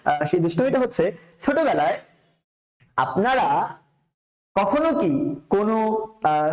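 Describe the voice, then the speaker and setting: A man's voice: high-pitched, a little mellow, roomy sound. A young man with a Bangladeshi Bengali accent teaching Quran letter pronunciation in an online lesson, patiently repeating sounds and checking in with his students. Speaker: Quran recitation instructor.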